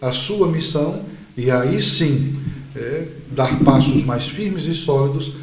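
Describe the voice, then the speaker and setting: Sermonizing Bahian priest, echoey room. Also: male voice, a little high, expressive. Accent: Bahian Portuguese. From Bahia, Brazil. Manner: measured, sermon-like explaining. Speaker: priest and interview guest. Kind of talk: interview answer, preaching tone.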